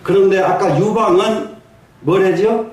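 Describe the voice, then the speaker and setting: An older male monk tells folksy stories in a fairly high voice, now and then prodding the audience for a reply. He is picked up from a distance in a very echoey hall, with a faint hiss underneath. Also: unhurried, a little mellow. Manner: folksy storytelling, asks the audience for replies and chuckles. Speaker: Buddhist monk giving a dharma talk. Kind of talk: sermon. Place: large echoing meditation hall.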